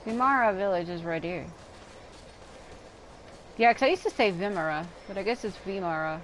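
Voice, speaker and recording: An adult woman streams a video game, thinking out loud in loose, rambling commentary. Her voice is mid-range at a moderate pace, with background noise and video game music playing behind her.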